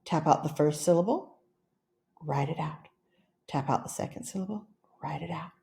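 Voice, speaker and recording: A woman teacher giving slow, patient, step-by-step instructions for a writing lesson, reading words out one at a time. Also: low voice, gravelly, mellow, slight background noise.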